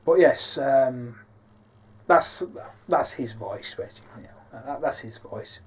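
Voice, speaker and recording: A man's voice: medium pitch, expressive, slow pace, slightly rough. A man chats casually about making his films. He rambles and restarts often, filling gaps with ums and uhs. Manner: rambling, hesitant with many fillers. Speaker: filmmaker. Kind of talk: casual behind-the-scenes talk.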